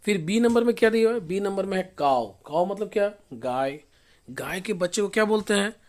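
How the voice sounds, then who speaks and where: A man with a high-pitched, expressive voice teaches an English revision lesson in Hindi. He poses questions and answers them himself, slowing down to spell words letter by letter.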